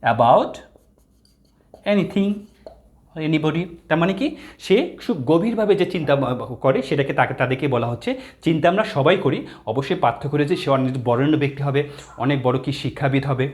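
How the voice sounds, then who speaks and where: A man teaching an exam-prep English lesson, asking questions and answering them himself, reading English phrases slowly word by word. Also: on the high side, animated, a little mellow.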